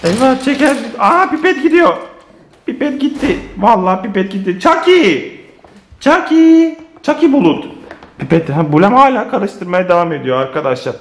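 A man filming a playful family vlog, teasing the kids and chatting to viewers in an animated way. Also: sits high, a little fast. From Turkey. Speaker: family vlogger.

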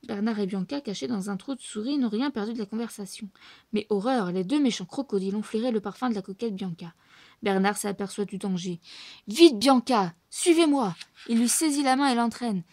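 A woman reading a children's storybook aloud in an expressive, lively way. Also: mid-range voice, a little fast, no echo. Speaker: storybook reader.

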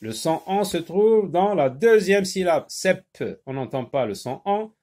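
A man teaching a phonics lesson to young children, speaking slowly and deliberately and repeating each word to stress its sounds, recorded on a phone he holds in his hand. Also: high voice, animated, a little mellow. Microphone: handheld phone.

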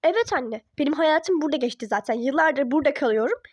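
A woman's voice: sits high, expressive, quick pace, darkish tone, no echo, pitched below the performer's own voice. A woman voicing a defiant teenage girl who argues with her parents in a toy-app role-play drama. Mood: pleading. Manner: indignant, argumentative.

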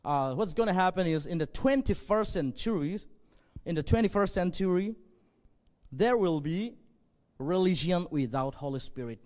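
Male pastor in his 40s, native Zomi speaker, earnest measured sermon, slightly high voice, long hall reverb. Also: animated, darkish tone. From northwest Burma. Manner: earnest, measured, with frequent pauses and fillers. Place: church stage, indoors. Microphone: handheld.

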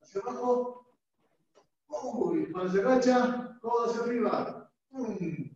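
A man teaching a martial arts class online, counting out drills and calling brisk commands. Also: extremely high pitch, lively intonation, a little mellow. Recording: echoey room, distant mic, dull sound.

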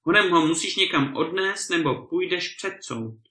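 A man's voice: medium pitch, vocal fry, natural voice. A man voicing an alarmed peasant wife who speaks urgently, in a storybook reading in an echoey room. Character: frightened peasant wife, sharp and scolding.

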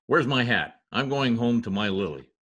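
An older man plays a pompous, exasperated radio star with a theatrical manner in old-time radio comedy, sounding fretful and weary. His mid-range voice is animated, normal in speed, and lightly acted. It is recorded on a computer mic during a video call in an indoor home office, and the audio is very noisy.

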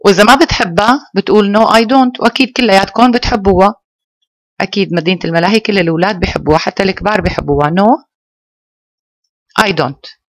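A teacher giving an online English lesson to pupils, slowly spelling out English phrases. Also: mid-range voice, no echo.

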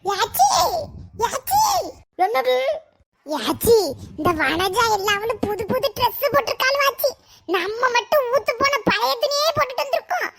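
A woman's voice: very high voice, a bit bright, a little hiss or hum, full character voice. A woman voicing a cheeky, whiny young village woman.

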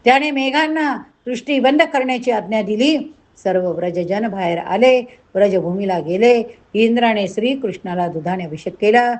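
A woman's voice: medium pitch, moderate pace. A woman retelling a devotional scripture story, adding preachy asides to her listeners.

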